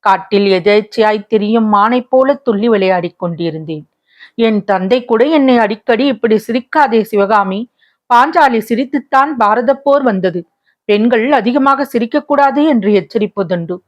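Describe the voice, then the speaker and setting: A woman's voice: a little high, moderate pace, natural voice. A woman voicing a young lovelorn woman who is tearful and wistful, speaking in a plaintive, pleading tone, in a slightly muffled recording.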